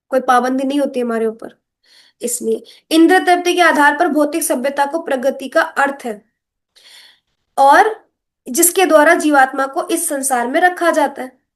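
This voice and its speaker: A woman giving an earnest scripture lecture, explaining verses and asking rhetorical questions, sometimes chanting Sanskrit lines slowly. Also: high voice. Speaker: spiritual teacher.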